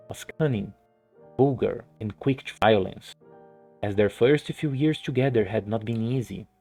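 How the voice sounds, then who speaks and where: A man streaming a game, reading its story aloud in a steady narrating voice with occasional slips and restarts. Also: medium pitch, creaky.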